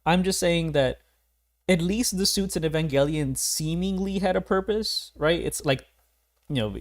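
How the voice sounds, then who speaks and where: Young man, casual gaming commentary, rambling, laughs often, slightly high voice. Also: moderate pace. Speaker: streamer playing a video game. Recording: game music playing behind.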